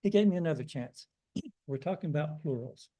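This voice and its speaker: Older man with a mellow voice. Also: fairly high pitch, animated, brisk, dull audio. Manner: folksy, self-deprecating anecdotes. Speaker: guest preacher. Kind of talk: storytelling sermon.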